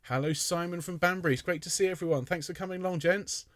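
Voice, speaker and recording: A man's voice: high voice, fairly even intonation, quick pace, a bit bright, dry recording, studio quality. A man, leading a live online choir rehearsal, greeting singers by name with friendly jokes and chatter.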